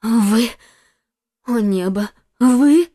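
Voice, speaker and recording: A frightened young queen pleads in a high, trembling falsetto, as a male reader puts her on. The voice rises well above a man's usual pitch and pushes loudly. It sounds close and dry, with no room around it. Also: unhurried, no echo. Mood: anxious. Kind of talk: audiobook character voice.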